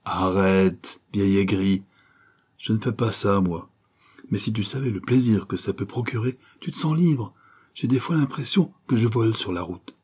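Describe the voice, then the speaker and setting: A man's voice: fairly low pitch, normal speed, darkish tone, slightly rough. A man voicing a brash middle-aged male police officer who rides a motorbike, breezy and teasing.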